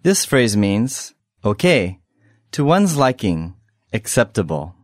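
A man hosting a language lesson, explaining phrases in a clear, measured way. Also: fairly low pitch, very animated, no echo, clean studio sound.

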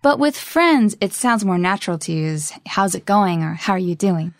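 A woman's voice: medium pitch, animated, moderate pace, no room sound. Brief: female lesson co-host, easy conversational tone, dry close recording. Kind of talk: scripted lesson chat.

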